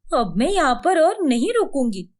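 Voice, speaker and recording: Sharp-tongued young cartoon wife with a lively, high voice, played by a woman. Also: normal speed. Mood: defiant. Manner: retorting sharply.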